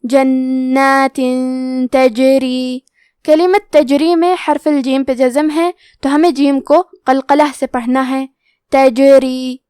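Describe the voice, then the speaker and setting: A woman teaching Quran recitation rules in a calm, methodical way, then chanting the verses slowly and drawn out. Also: sits high, dry recording, studio quality.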